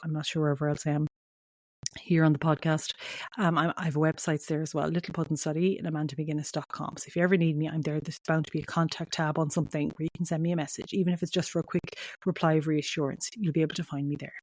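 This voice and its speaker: A woman's voice: low-pitched, level tone, quick pace, darkish tone, no room sound. A middle-aged woman with a Mayo accent from the west of Ireland hosts a solo podcast, speaking directly and reassuringly to parents. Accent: Irish, County Mayo in the west of Ireland. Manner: reassuring, addresses listener directly, asks and answers own questions. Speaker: podcast host.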